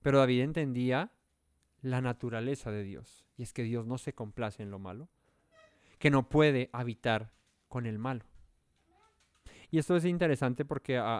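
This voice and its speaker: A man leads a verse-by-verse Bible study with a smooth, clear voice. His delivery is earnest and explanatory, and he lifts his emphasis on key points. The sound is dry and close. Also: medium pitch, no echo. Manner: self-correcting, searching for words aloud.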